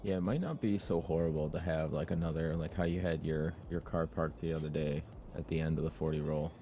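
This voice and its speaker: Low, mellow esports co-commentator, man. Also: fairly quick, faint music behind. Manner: relaxed, rambling, filler-heavy.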